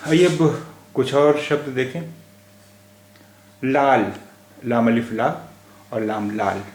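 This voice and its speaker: Male teacher, slow and patient, spells out and repeats words, echoey room, even mid pitch. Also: slight background noise. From India. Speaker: language teacher.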